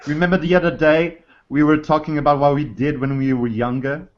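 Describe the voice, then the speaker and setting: A man's voice: on the high side, flat delivery, a little fast. A man taking part in a casual group chat over an online call. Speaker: participant in a live video chat. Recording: dull, lo-fi online call audio.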